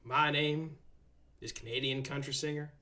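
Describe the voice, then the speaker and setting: A man's voice: on the high side, steady tone, moderate pace, bright, forceful tone. A man voicing a country western singer, greeting listeners in a mock-formal showman manner. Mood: showy.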